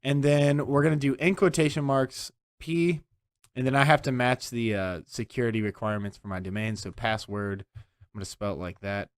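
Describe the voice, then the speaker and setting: A man walking through a software tutorial step by step, often checking in with "okay?". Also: medium pitch, steady tone, moderate pace, no echo, studio quality. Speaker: tech instructor. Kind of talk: screen-recorded software tutorial.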